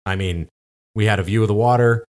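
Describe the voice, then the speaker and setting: Talking fast in a somewhat low, slightly mellow voice, this man co-hosts a podcast. He tells a travel story casually and meanderingly, packing it with fillers.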